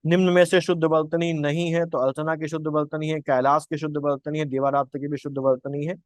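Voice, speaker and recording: A man's voice: a little high, no echo. Male tutor asking and answering his own questions. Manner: asks questions and answers them himself, repeats points. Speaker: exam-prep Hindi teacher. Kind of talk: explaining grammar answers to exam questions.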